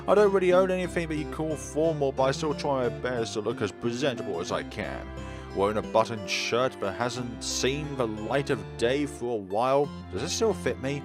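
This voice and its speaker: A man with a mid-range voice at normal speed reads a visual novel aloud as a let's player, blending narration with casual asides and occasionally stumbling over words and correcting himself. Game music plays behind him.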